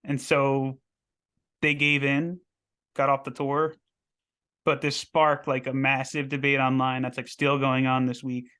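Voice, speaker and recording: Hoarse man, flat blunt delivery. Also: mid-range voice, unhurried. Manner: blunt, swears freely. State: losing his voice. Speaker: podcast co-host. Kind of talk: casual chat.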